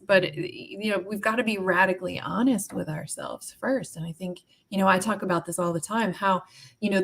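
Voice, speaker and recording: A woman's voice: mid-range voice, vocal fry, fairly bright tone. A woman hosting an interview, responding with earnest, reflective motivational talk. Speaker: host. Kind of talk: interview conversation.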